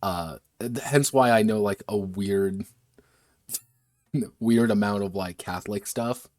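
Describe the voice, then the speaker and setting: A man's voice: lowish voice, slow, a little mellow, dry recording, clean studio sound. A man who designs games, chatting casually on a livestream at his desk, wandering between asides and restarting his sentences. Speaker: game designer streaming a workshop.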